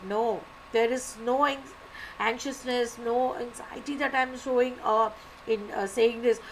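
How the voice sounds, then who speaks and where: Woman, online teacher, higher voice, emphatic and repetitive, faint noise in the background. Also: poor audio. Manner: animated, repeats key words, asks and answers own questions. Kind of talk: live online lecture.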